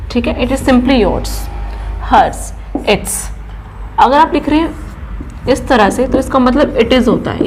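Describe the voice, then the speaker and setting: Higher-voiced woman teaching a grammar lesson. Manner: explains step by step and keeps checking with "ठीक है?"; poses questions to the class, then answers them herself. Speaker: English trainer.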